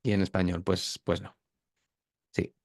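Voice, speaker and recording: A man's voice: deep voice, little pitch movement, a little slow, no room sound, studio quality. Man explaining pronunciation. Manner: demonstrates sounds by drawing out words. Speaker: pronunciation teacher, interview guest. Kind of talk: explanatory interview talk.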